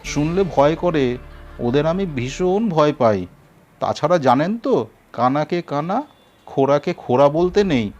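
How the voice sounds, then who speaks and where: A man's voice: a little high, lively intonation, unhurried, darkish tone, lo-fi sound, pitched above the performer's own voice. A man voicing a timid, newly dead male ghost who whines and pleads tearfully.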